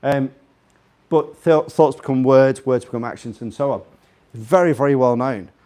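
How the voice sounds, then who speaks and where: This guest speaker has a warm, mid-range voice at normal speed and a slight Liverpool accent. Live before an audience in a room, his talk is chatty, jokey and rambling, with questions put directly to listeners.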